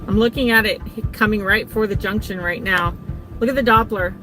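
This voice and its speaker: A woman's voice: mid-range voice, fairly quick, music in the background, low-quality recording. A woman giving live storm-chase commentary from inside a car, thinking aloud and repeating words for emphasis. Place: inside a moving or parked car.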